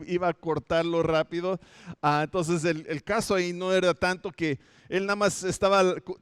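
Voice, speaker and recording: A man's voice: sits high, smooth, no echo, clean studio sound. A man from Minnesota, a pastor giving a conversational sermon, telling the story with light humor and frequent self-corrections. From Minnesota, United States. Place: home setup for an online church service.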